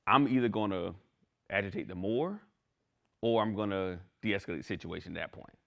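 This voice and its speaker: This instructor has a lowish, gravelly voice and moves at a brisk clip. He lectures conversationally, animated, often checking in with the class and asking "right?"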